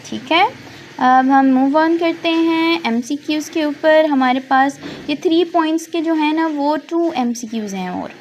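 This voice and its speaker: A woman teacher narrates a tutorial over slides, going slowly and patiently. Her voice sits high. She repeats every question and translates each English line into Hindi as she goes. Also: highs cut off, slight background noise. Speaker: teacher explaining quiz answers.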